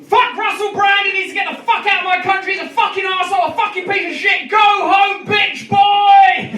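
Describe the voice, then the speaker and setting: A man with an English accent putting on a furious, abusive male online troll who shouts insults. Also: very high voice, fairly even intonation, brisk, pitched above the performer's own voice. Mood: enraged. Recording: roomy live club, distant mic, crowd.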